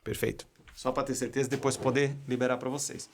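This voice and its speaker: A man's voice: medium pitch, level tone, fairly quick, slight background noise. A young Brazilian man, an English teacher and coach, giving a live online class in an emphatic way and often asking his viewers rhetorical questions.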